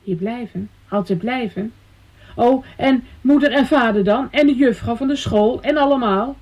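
A woman's voice: on the high side, moderate pace, a little mellow, close to an everyday voice. A woman voicing a timid little girl with a small, frightened voice.

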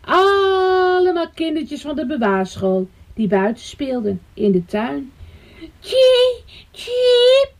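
A woman reading a children's story aloud, expressive and sing-song. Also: high voice, vocal fry. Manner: slow, lively and sing-song.

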